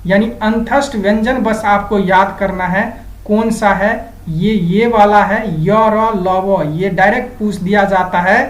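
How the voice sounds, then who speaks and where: A woman's voice: mid-range voice, reverberant, low-quality recording. A woman teaching an exam-prep grammar lesson, going step by step and repeating the key items.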